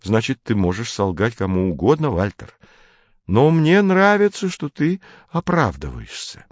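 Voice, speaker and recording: A man's voice: medium pitch, sing-song, measured pace, dry recording, dull audio. A man reading an audiobook, voicing a clever, smug teenage boy who mocks sweetly and sounds pleased with himself. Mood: smug, needling. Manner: sweetly mocking, self-satisfied.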